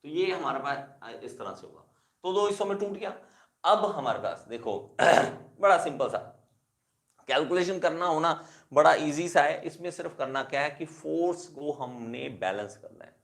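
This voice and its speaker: Male teacher, classroom lecture, gravelly voice, pitch a bit high, roomy echo. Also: animated, normal speed, fairly bright tone. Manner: repetitive, addresses students as kids. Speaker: engineering teacher.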